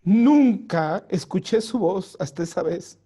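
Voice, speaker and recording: A male pastor telling his conversion story to a youth group in an earnest storytelling way, dropping soft and slow for prayers. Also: sits high, lively intonation, husky. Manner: earnest storytelling, acts out quoted lines in a raised voice. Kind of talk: personal testimony to a youth group. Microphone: home mic for an online vigil.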